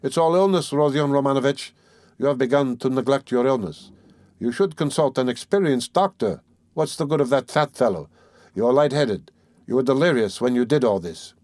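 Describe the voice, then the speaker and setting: A man's voice: mid-range voice, expressive, moderate pace, a little mellow, no echo, natural voice. A man voicing a sly, genial middle-aged examining lawyer who talks in a fussy, teasing way, in an audiobook reading. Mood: sly, chatty.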